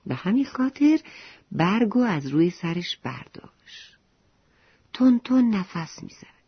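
A storyteller narrating a story to children in a lively way, sometimes dropping to a whisper. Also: medium pitch, breathy edge, no room sound. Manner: animated, often dropping to a whisper. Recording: dull lo-fi recording with faint music.

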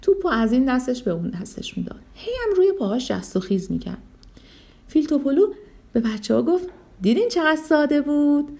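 In a high-pitched, gravelly voice, a woman reads a children's story aloud, telling it in an expressive, dramatic way.

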